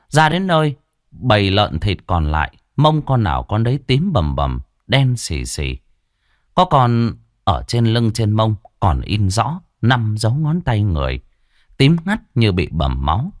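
A male storyteller narrates with a lively, rising and falling voice. He tells the tale dramatically and expressively. The recording is dry and close, with no room sound. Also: on the low side, dry recording.

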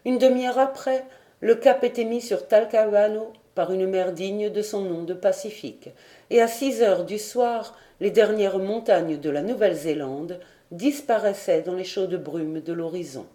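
A woman reading a classic adventure novel aloud as an audiobook narrator, calm and even. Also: medium pitch, measured pace. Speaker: audiobook reader.

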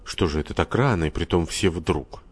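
A man's voice: deep voice, normal speed, husky. A man reading a restless young host who keeps pressing his guests with questions. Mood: coaxing. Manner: insistent, coaxing. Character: restless young male host, eager and chatty.

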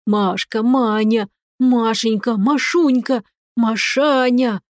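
A woman voicing a hysterical talking tomcat uncle who wails and pleads in a slow, high, drawn-out voice. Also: no echo, clean studio sound. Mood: pleading.

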